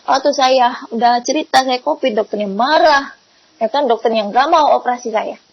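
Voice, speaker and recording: Husky woman telling a faith testimony. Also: on the high side, moderate pace, dry recording. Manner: animated storytelling, acting out quoted dialogue. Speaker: testimony speaker. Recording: muffled lo-fi recording.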